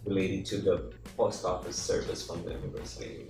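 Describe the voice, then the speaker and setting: A man's voice: low-pitched, little pitch movement. Interview guest, man, non-native English speaker with a Portuguese first language, hesitant phrasing, recorded far off in a roomy space. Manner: halting, searching for words in a second language. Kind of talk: casual conversational interview. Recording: echoey room from far off, music behind.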